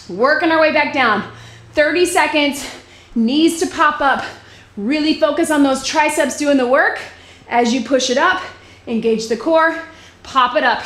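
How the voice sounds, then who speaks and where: A woman's voice: high-pitched, fairly bright tone, roomy sound. A young woman leading a live bodyweight workout as fitness instructor, calling out cues while exercising along and a little out of breath.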